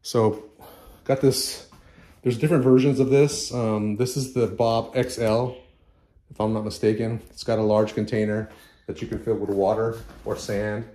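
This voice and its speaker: Speaking at a moderate pace in a low, level, dark-toned voice, a middle-aged man gives a loose at-home product review full of restarts and repeated words. The handheld phone camera recording takes place in his home practice room.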